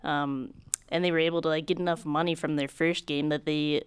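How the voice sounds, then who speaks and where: A young woman chatting casually about games, talkative and quick, laughing often and filling with "like". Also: sits low, little pitch movement, clear, resonant tone, no room sound.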